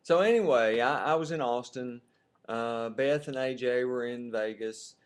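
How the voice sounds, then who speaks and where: A man's voice: mid-range voice, unhurried, clean tone. Playful middle-aged man, jokey. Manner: jokey, playful, chuckles often. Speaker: co-host of a webcam video. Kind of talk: casual chat. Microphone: webcam.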